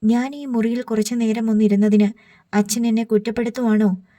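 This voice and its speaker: A woman's voice: on the high side, steady tone, moderate pace, dark tone, dry recording, close to an everyday voice. A woman reading the lines of a sulky, defiant young daughter arguing with her father. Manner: sullen, defiant.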